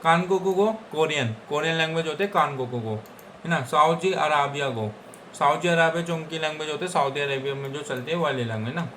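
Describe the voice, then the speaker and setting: Young Indian male tutor, slightly high voice, casual, repetitive drilling, faint noise behind. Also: fairly quick, fairly bright tone. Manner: repeats each word several times, with frequent "theek hai guys". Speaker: Japanese language teacher. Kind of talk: casual Hindi language lesson.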